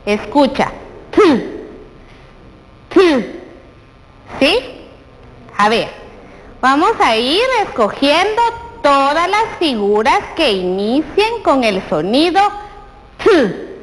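A woman with a Guatemalan Spanish accent, teaching a preschool TV lesson and coaxing a child with slow, questioning prompts. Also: sits high, very animated, big-room sound, poor audio. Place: television studio.

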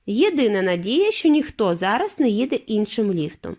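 A woman voicing a gallant, cheerful eccentric male factory owner, bright and reassuring. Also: mid-range voice, very animated, normal speed. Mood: cheery.

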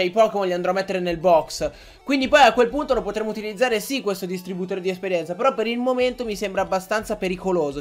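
Excitable high-voiced young gamer. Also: male voice. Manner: excitable, swearing, frequent outbursts at the game. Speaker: gaming YouTuber. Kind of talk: Let's Play commentary.

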